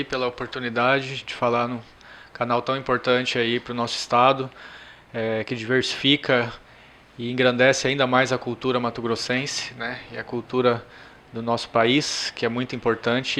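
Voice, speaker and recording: A man's voice: mid-range voice, fairly bright tone, slight background noise. A man, from Minas Gerais, answering interview questions in an easygoing way, with frequent fillers. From Minas Gerais, Brazil. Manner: many fillers like "né" and "é", easygoing storytelling. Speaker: guest, cultural entrepreneur.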